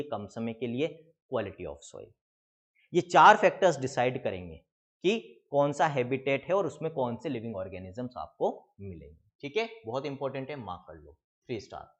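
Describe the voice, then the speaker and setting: A man teaching an exam-prep biology lecture, reading textbook lines slowly and then explaining them, calling his students beta. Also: mid-range voice, dull audio.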